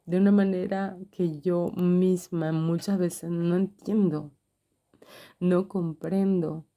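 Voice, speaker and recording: A woman's voice: on the low side, fairly even intonation, takes it slowly, mellow. A middle-aged woman giving an earnest personal religious testimony, repeating phrases for emphasis. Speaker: religious video creator.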